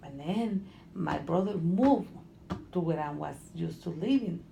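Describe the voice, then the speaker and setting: A middle-aged Honduran woman, a native Spanish speaker, is interviewed in casual conversation and speaks slow, broken English with a Honduran Spanish accent, restarting phrases and searching for words. Her low, heavily gravelly voice is soft and mellow yet lively in intonation, and the room echoes noticeably with faint background noise.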